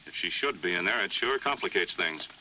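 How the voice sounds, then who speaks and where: A man's voice: sits low, lively intonation, fairly quick, sharp tone, far from the mic, heavily acted. An American actor playing a terse, plain-spoken man of the Old West in a 1940s western film. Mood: cool, wary. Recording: dull old film soundtrack, faint noise.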